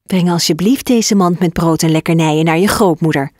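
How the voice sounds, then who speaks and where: Woman reading as a caring mother, gentle instructions, storybook, dry close sound. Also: on the low side, fairly quick, no echo, lightly acted. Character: caring mother of a little girl.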